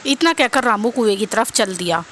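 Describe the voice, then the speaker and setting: A woman narrating a cartoon story in a steady storytelling manner. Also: on the high side, normal speed, slight background noise.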